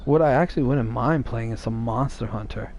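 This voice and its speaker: A man's voice: medium pitch, a little fast, a little mellow, slight background noise. A man streaming live, chatting casually and teasing his viewers in a rambling way.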